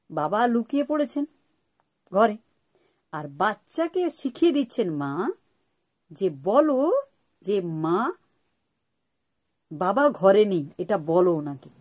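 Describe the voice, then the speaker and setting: A woman giving a spiritual talk on parenting, repeating her key points slowly like a teacher. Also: mid-range voice. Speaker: spiritual speaker.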